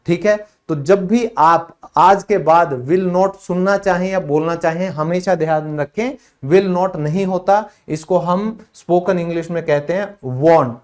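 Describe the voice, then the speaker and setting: A man with an Indian accent, a native Hindi speaker, teaching a spoken English lesson, explaining in Hindi and saying short English phrases slowly. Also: high-pitched.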